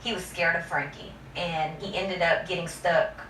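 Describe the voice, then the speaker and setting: A woman's voice: on the low side, steady tone, normal speed, fairly bright tone, echoey room, far from the mic, a little hiss or hum, poor audio. A woman talking candidly as an interviewee in a documentary. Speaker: interviewee, victim's relative.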